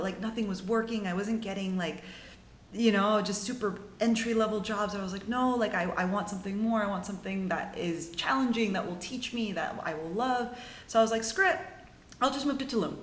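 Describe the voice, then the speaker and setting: A young Mexican woman in her twenties tells her story as a podcast guest, chatty and upbeat, full of "like"s and restarts. Her mid-range voice moves fairly quickly, and the room sounds echoey.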